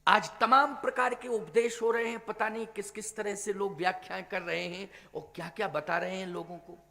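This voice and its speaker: A man giving a devotional sermon, declaiming forcefully and then dropping to low asides, now and then chanting a scripture verse slowly. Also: steady tone, creaky, big-room sound. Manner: emphatic, swings from loud declaiming to low asides. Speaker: preacher of a Ram Katha discourse.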